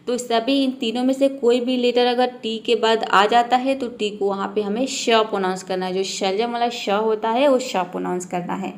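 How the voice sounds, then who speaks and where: A woman walks beginners through English spelling and sound rules, one example word at a time. Her voice sits a little high, and she keeps circling back to ask the viewer what comes next, repeating each point patiently. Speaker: English teacher. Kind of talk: step-by-step pronunciation lesson.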